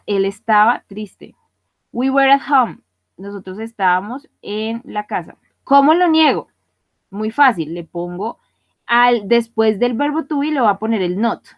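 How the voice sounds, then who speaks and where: Woman teacher, online class, high-ish voice, patient, keeps checking everyone follows, dull muffled dry audio. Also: dry recording. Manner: patient, checks understanding often. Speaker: English teacher. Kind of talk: online class explaining grammar. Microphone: computer mic for online class.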